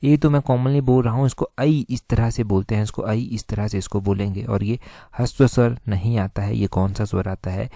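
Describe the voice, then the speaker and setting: A man teaches an exam-prep class, walking through each answer slowly and going over it again. His voice sits on the low side and sounds mellow and dark. The recording is dry and close, with no room sound around him. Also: fairly even intonation, gravelly, no echo. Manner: explains step by step, repeats answers, heavy use of filler "jo hai vo".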